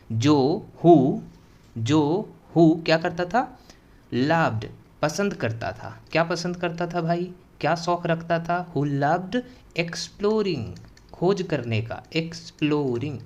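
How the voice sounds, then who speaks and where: A man teaching translation from Hindi to English, slowly repeating words, spelling them out and answering his own questions. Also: on the high side. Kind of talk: bilingual translation lesson.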